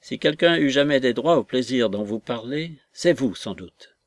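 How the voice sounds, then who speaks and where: A man's voice: medium pitch, animated, moderate pace, no echo, natural voice. Overwhelmed poor man, read by a male narrator. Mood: effusive. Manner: effusive, emotional pleading.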